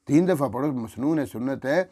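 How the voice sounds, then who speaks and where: A male religious teacher speaks in an earnest, instructive way, with a voice of ordinary pitch for a man. He stops to recite prayer phrases slowly and deliberately, showing how each word should be heard clearly. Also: dark tone. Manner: earnest, instructive, corrects by demonstrating. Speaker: Quran teacher.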